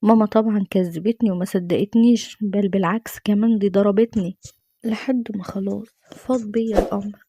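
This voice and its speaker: A woman's voice: mid-range voice, steady tone, brisk, warm tone, no room sound, studio quality. A woman with an Egyptian accent telling a dramatic first-person story in an earnest, emotional way.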